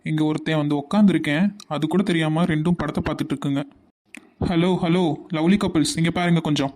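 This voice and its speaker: Someone voicing a cheeky young brother. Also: male voice, a little high, fairly even intonation, quick pace, darkish tone, natural voice. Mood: teasing. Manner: playful and teasing. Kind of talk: Tamil cartoon dubbing.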